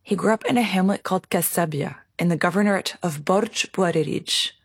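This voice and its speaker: Female narrator for a scripted documentary; lowish, breathy-rough voice. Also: fairly quick.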